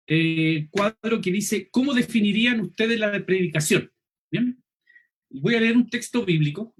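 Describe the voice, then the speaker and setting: A high-voiced man with a Chilean Spanish accent, teaching a preaching seminar online. He talks quickly, eats his final S sounds and keeps checking in with the listeners. The voice has a husky edge. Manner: quick, clipped speech, swallows final S, frequent "¿cierto?" checks. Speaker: preaching instructor.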